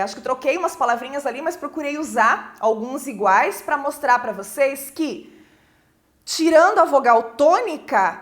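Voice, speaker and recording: A Brazilian woman gives a recorded lesson in a high, animated voice. She takes her time and points to examples on the board as she goes. Her distance from the microphone shifts now and then. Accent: Brazilian Portuguese. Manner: explains slowly, asks "certo?" after each point and points at examples on the board. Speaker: teacher.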